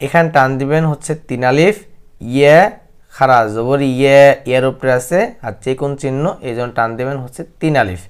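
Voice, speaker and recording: A man teaching Quran recitation rules in Bengali, explaining plainly and then reciting verses slowly and drawn out. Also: medium pitch, clean tone. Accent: Bangladeshi Bengali. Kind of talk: tajweed lesson, alternating explanation and slow recitation.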